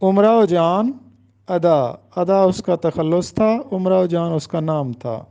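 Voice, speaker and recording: A man teaching students in a lecture, slowly and carefully spelling out the right pronunciation of names. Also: on the high side, steady tone, creaky, mellow, highs cut off. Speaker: Urdu teacher. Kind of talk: exam-prep lecture.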